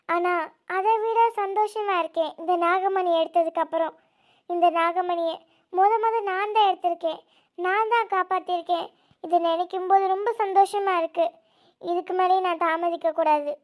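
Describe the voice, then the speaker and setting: A high-voiced performer playing a scheming woman who mutters her plots aloud in an amateur voice drama. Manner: muttering asides, plotting, dramatic exclamations.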